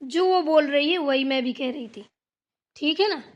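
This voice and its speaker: Brief: a woman doing a stern cartoon saas, high and bossy, scolds without pause. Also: dull audio, natural voice. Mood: scolding. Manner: scolding, bossy, repeats "theek hai na". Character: stern scolding Hindi mother-in-law, fasting and irritable. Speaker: voice actor. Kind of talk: Hindi cartoon voice acting.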